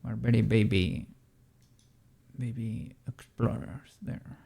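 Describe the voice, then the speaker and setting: A 3D modeling streamer chatting casually on a livestream and muttering quietly to themself while working. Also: mid-range voice, fairly even intonation, slow pace, vocal fry, husky.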